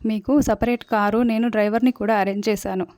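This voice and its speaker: Female reader as headstrong young woman, sharp retorts, dry close sound. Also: medium pitch, little pitch movement, brisk, no echo, natural voice. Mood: defiant.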